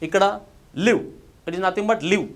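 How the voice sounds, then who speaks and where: A man's voice: high-pitched, slow pace. A man with a Telugu accent teaching English pronunciation in a recorded video lesson. He moves between Telugu and English, asks the class questions and then answers them himself.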